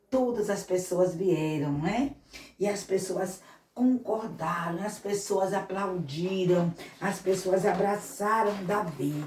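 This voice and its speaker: A woman missionary telling a Bible story to children, animated and speaking to them directly. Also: fairly low pitch. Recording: echoey room, mic far off.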